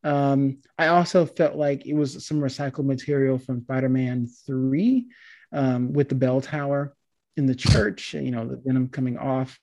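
A man's voice: medium pitch, moderate pace, darkish tone. A man chatting casually about a film he just saw, hesitant and meandering, with many ums and restarts. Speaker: movie review co-host. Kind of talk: casual chat.

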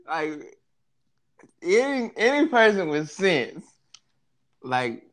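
A man's voice: sits high, sing-song, very slow, a bit bright. A young man chatting casually as a co-host, slangy and joking, in the easy manner of a guy talking with his bros. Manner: laid-back bro talk, slangy, joking.

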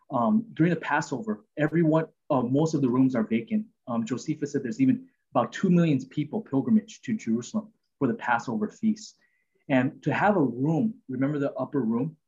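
A podcast host works through Bible passages in a casual teaching chat, earnest and rambling, with lots of fillers and restarts. His voice is medium-pitched, dark in tone and slightly rough, and the sound is lo-fi.

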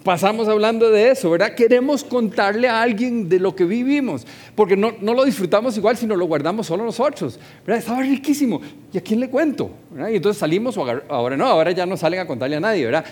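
A pastor preaching in a fairly high voice. He talks with his congregation more than at them and keeps asking them questions. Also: lively intonation, quick pace, hardly any pauses, a little mellow. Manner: conversational, asks the congregation questions. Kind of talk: sermon. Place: church hall, also streamed.

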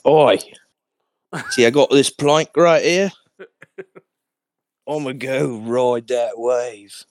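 Man doing a mock surfer dude, brash, loud, playful, dry close sound. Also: medium pitch, steady tone, slow pace, no echo. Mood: cocky. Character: brash young male surfer, mock Aussie.

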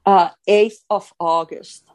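A woman's voice: medium pitch, steady tone, takes it slowly, a little mellow. A woman, a guest talking earnestly in a casual interview, with many fillers and restarts. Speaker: podcast guest, author.

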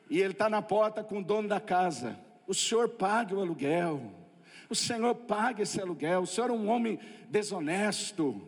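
A man with a Brazilian accent preaching a testimony sermon, telling stories with lively comic asides. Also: high-pitched, in a large hall.

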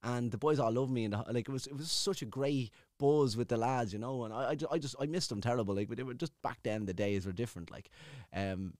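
A man's voice: mid-range voice, fast, few pauses, darkish tone, no room sound, clean studio sound. A man with an Irish accent chatting casually, rambling and swearing freely as he tells stories. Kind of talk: casual chat.

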